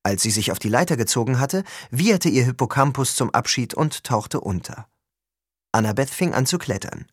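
Guy reading an audiobook, first person, bouncy storytelling, slightly breathy, dry close mic. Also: mid-range voice, moderate pace, no room sound. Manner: expressive storytelling, lively delivery. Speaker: audiobook reader.

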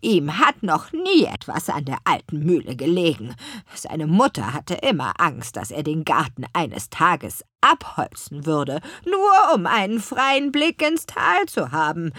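Woman putting on a croaking old grandmother witch. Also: big pitch swings, a bit bright, no echo, studio quality, exaggerated voice. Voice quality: raspy, croaking. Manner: drawn-out, high cracked old-lady delivery. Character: old raspy grandmother witch, kindly, forgetful. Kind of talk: audiobook character voice.

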